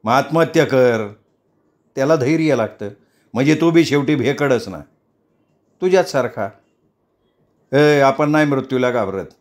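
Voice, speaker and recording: A man's voice: medium pitch, measured pace, long pauses, close to an everyday voice. A man voicing a blunt, sardonic middle-aged gang boss.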